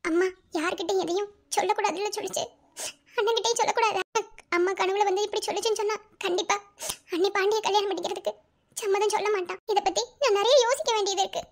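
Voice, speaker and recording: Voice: very high voice, fairly even intonation, fast talker. A performer voicing a young college woman, emotional and anxious, speaking with a Madurai Tamil accent. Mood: shaken. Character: young woman college student, frightened and tearful.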